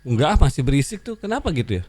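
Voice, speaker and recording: A man's voice: medium pitch, sing-song, quick pace, darkish tone, slight background noise. A man chatting casually to camera, rambling in slang and bantering with a child nearby. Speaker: content creator.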